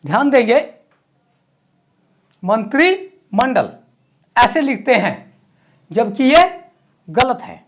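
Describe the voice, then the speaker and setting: A man with an unusually high, lively voice teaches a classroom lesson for exam students. He writes on a board as he talks and repeats key words slowly and clearly. His pitch swings widely between words.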